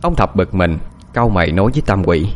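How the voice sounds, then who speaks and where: A man narrating a ghost-story audiobook with expressive, dramatic delivery. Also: deep voice, fairly quick, soft background music.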